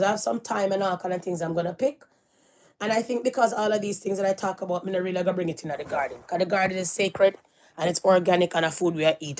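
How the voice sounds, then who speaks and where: A middle-aged woman, talking to her viewers in a casual, preachy monologue. She repeats her phrases for emphasis and moves from loud declarations to hushed warnings. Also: lowish voice. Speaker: vlogger.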